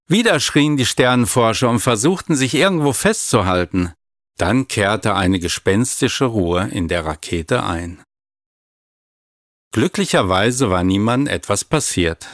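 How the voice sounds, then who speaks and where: A man calmly reading a children's story aloud. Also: lowish voice, dry recording, clean studio sound. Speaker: narrator.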